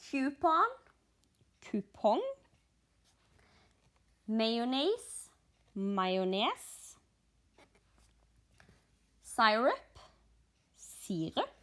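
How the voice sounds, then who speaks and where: A Norwegian woman with a Norwegian accent explaining her stitching in an unhurried, methodical way, sleepy after only a few hours of sleep. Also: a little high. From Norway. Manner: unhurried, methodical, pauses between words while stitching. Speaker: cross-stitch vlogger. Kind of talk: slow stitch-along commentary.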